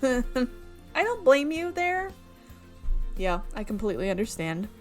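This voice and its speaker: A young woman reads a visual novel aloud as a let's player, stopping for chatty, amused asides about the script. Her voice is on the high side and sing-song, and she reads slowly, with soft background music behind her.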